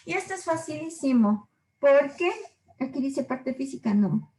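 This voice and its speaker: A woman teaching a language class, her voice sitting a little high. She is patient, stretching out each example and checking in with her students after every point. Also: animated, dark tone, rough recording. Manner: patient, repeats examples slowly and checks in with short questions. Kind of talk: explaining literary figures in a class.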